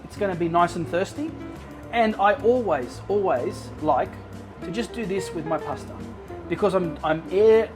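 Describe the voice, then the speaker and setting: Over a sizzling pan, an enthusiastic cooking show host gives viewers a casual demonstration, often repeating words for emphasis. The voice sits at a medium pitch.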